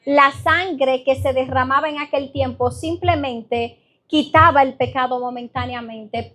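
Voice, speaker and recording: A woman pastor preaching a sermon in an earnest, direct way, with lively storytelling. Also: high voice.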